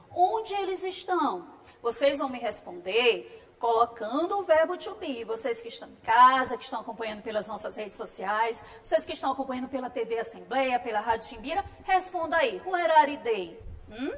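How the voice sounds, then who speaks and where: Woman, English teacher on TV, high pitch, lively and direct with her viewers. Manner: lively, addresses viewers directly, explains and drills. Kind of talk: televised English lesson.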